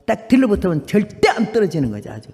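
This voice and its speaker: A woman's voice: mid-range voice, sing-song, fast talker, mellow, big-room sound. Fervent woman in her eighties preaching. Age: 80s. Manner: fervent, emphatic storytelling, acting out quoted people. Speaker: missionary preacher. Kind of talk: testimony sermon.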